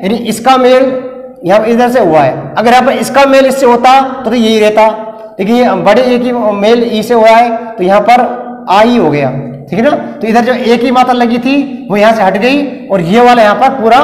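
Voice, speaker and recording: A man with a Rajasthani Hindi accent teaching a grammar lesson, explaining step by step and often checking that the class follows. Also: very high voice. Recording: echoey room with long reverb.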